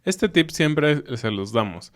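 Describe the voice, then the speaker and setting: A man's voice: on the high side, very animated, slow, fairly bright tone. A man co-hosting a language podcast, explaining in casual teaching chat and repeating example words with emphasis. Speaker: podcast co-host.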